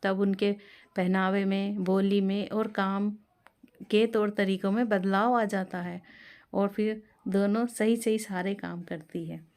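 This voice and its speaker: A woman reading a family story in steady, plain scripted narration. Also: mid-range voice, unhurried.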